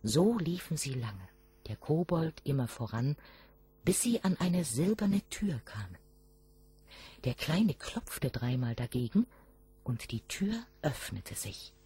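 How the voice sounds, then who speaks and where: A woman narrating a German fairy tale in a slow, expressive storytelling manner. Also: deep voice, husky, no echo.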